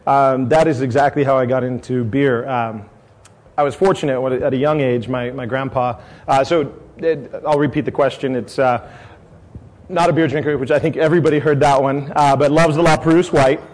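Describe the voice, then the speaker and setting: A middle-aged man who owns a brewery in San Diego, California, gives a casual talk at a tasting event. He speaks at normal speed in a mid-range voice with fairly even intonation, wandering through his points with many fillers and restarts.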